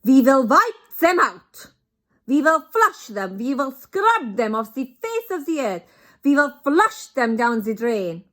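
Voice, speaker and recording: A woman voicing a vicious, imperious female witch leader who shouts in broken, bossy grammar. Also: high-pitched, big pitch swings, slow pace, voice pushed up, heavily acted. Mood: ranting.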